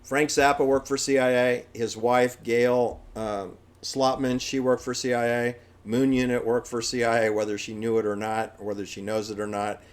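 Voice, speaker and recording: An American man holds forth solo in an unscripted commentary. He speaks in a medium-pitched voice, stating opinions flatly and dismissively, and often repeats a phrase to drive it in. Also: normal speed, few pauses, clear, resonant tone. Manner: emphatic, repeats phrases for stress; dismissive, blunt assertions. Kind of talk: opinionated off-the-cuff monologue.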